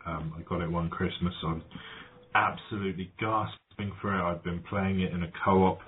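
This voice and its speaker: Deep-voiced man on a tinny line. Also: steady tone, normal speed. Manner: rambling, reminiscing, many ums and restarts. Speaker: podcast guest. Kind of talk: casual chat. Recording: tinny phone-like line, faint noise.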